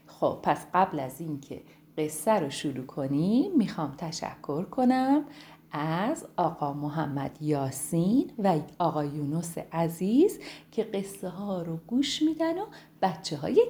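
A woman telling a bedtime story to children in an affectionate, gentle way. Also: on the low side. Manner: affectionate, addresses children warmly.

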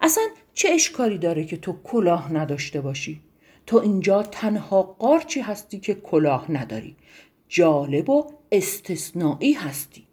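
A woman voicing a calm, thoughtful father mushroom in a bedtime story, speaking softly and reassuringly. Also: lowish voice, husky.

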